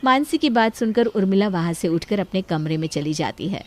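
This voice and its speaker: A woman narrating a family story in a calm storytelling tone. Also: medium pitch, a little fast, a crowd in the background. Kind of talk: scripted narration.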